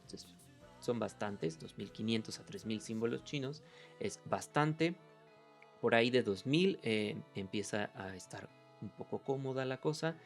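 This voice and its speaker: A man hosting a video lesson who explains step by step, says sounds aloud as examples and fills pauses with "eh". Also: mid-range voice, expressive, faint music behind. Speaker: language teacher and video host.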